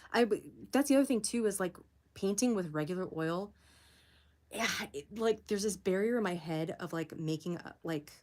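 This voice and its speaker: A young woman hosting a casual art livestream, chatting with viewers as she works, giggling often and jumping up high to greet people. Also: lively intonation, normal speed, mellow. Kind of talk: casual livestream chat while drawing.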